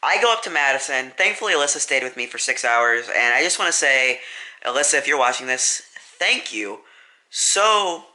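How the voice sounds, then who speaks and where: A young man tells a story to his vlog audience in a loose, rambling way, full of "like" and "um" and frequent self-corrections. His voice is very bright, at a middle pitch. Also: expressive, normal speed. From US Midwest. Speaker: vlogger.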